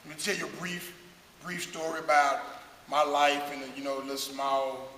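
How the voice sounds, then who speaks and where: A man from West Dallas, giving an earnest, halting talk to an audience. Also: a little high, level tone, bright, forceful tone. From West Dallas, Texas. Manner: earnest, halting with many uh's and repeats. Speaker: guest speaker. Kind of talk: speaking to an audience. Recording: echoey hall, faint hiss.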